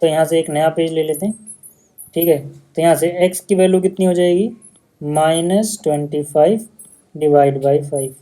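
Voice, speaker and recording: A man's voice: on the high side, moderate pace, warm tone. A male maths teacher, patiently explaining steps in a casual lesson video.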